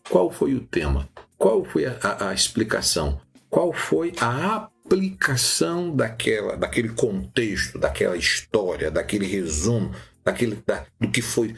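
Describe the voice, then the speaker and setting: A man teaching new preachers in a live-streamed lesson, animated, with many restarts and "tá bom?" checks. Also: mid-range voice, vocal fry, breathy edge.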